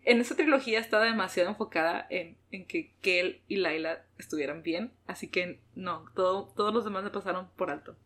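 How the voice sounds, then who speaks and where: A woman co-hosting a casual book discussion, animated and self-mocking with quick laughs. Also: lowish voice. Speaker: book podcast co-host.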